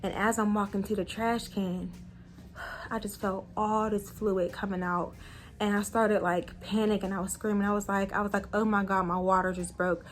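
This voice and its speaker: A young woman casually telling a personal story to her viewers, chatty and animated, full of fillers. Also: medium pitch, moderate pace. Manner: chatty, animated retelling with many fillers and laughs.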